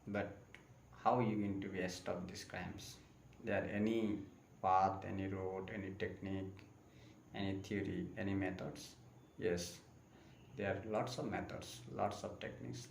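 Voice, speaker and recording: A Buddhist monk giving a live-streamed Dharma talk in slow, repetitive. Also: male voice, low voice, creaky. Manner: slow, repetitive phrasing in non-native English. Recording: echoey room with faint ambient noise.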